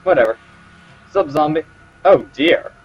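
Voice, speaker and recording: A man with a fairly high, breathy-edged voice, animated yet unhurried, comments on his gameplay, joking sarcastically and speaking to the characters. The recording is slightly dull, with game music behind him.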